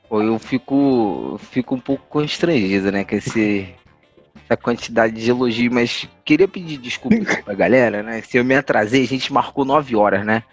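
A man's voice: mid-range voice, moderate pace, dull audio, soft background music. A man telling anecdotes as a podcast guest, rambling and slangy, with frequent tag questions.

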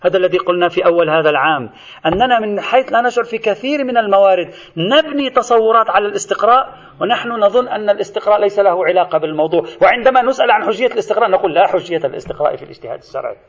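A man's voice: sits high, lively intonation, racing, a bit bright, lo-fi sound. A man lecturing to students in a recorded lesson, explaining step by step and addressing them directly.

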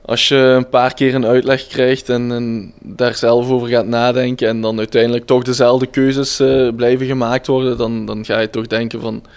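A man from Belgian Limburg with a Flemish accent, answering as a footballer in a casual interview, hesitant and measured. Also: medium pitch, flat delivery, clean tone.

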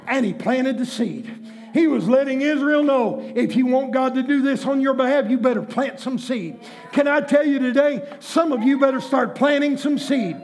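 A male pastor preaching a sermon with shouted, drawn-out emphasis and repeated refrains. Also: very high voice. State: out of breath.

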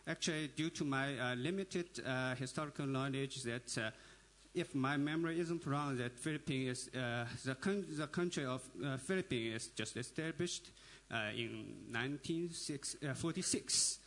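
Halting man commenting from the floor. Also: medium pitch, fairly bright tone. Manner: halting, many filler sounds. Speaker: audience member at a panel.

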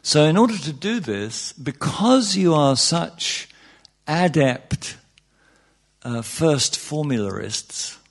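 On the high side and gravelly, this man's voice swings widely in pitch at a slow pace. He leads an informal spiritual talk for a group as a meditation teacher, joking conversationally and frequently asking "yeah?" or adding "you know."

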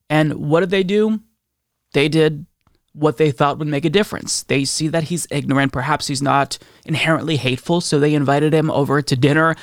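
A man's voice: a little high, no echo, studio quality. A man hosting a political commentary show, speaking in an indignant, sarcastic way.

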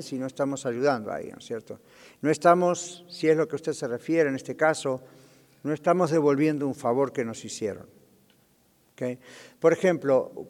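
A man's voice: on the high side, darkish tone, big-room sound. A man, a pastor, teaching a Bible study lesson, explaining and checking in with his class. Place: church.

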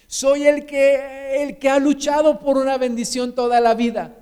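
A male preacher giving voice to an anguished man pouring out a desperate confession, his voice lifted noticeably higher than his usual speech. He pleads in a raw, urgent run of words. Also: level tone, a little slow, mellow. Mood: desperate pleading.

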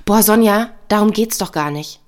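A woman's voice: medium pitch, normal speed, darkish tone, lightly acted. A woman reading the part of a hurt young woman who reproaches her friend bitterly.

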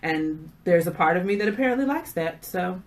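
A woman's voice: lowish voice, animated, a little fast. A middle-aged woman hosting a casual chat, telling stories with sassy asides. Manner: chatty storyteller, sassy asides. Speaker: podcast host.

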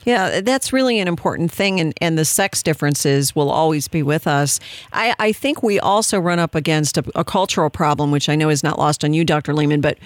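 A man's voice: fairly high pitch, fairly quick, dry recording. A man hosting a radio interview, asking earnest, thoughtful questions. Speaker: radio host.

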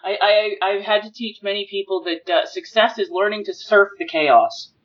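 A woman's voice: mid-range voice, moderate pace, far from the mic, lo-fi sound. A woman hosting an interview, friendly and encouraging, asking short questions. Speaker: interview host, financial expert. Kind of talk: casual interview conversation.

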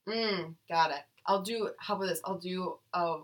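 A woman's voice: fairly low pitch, moderate pace. A woman co-hosting a podcast, casually reading results aloud with playful, profane jokes in between. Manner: playful, profane, jokey asides. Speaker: podcast co-host.

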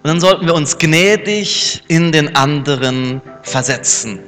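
A man's voice: a little high, unhurried, fairly bright tone. A man preaching a sermon, acting out everyday scenes between the Bible verses. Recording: reverberant hall with background music.

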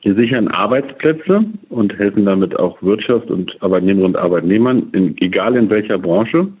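Man on a low-quality phone line. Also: husky. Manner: steady, deliberate explaining with frequent fillers. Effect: low-quality phone-line sound. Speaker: politician guest. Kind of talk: remote podcast interview.

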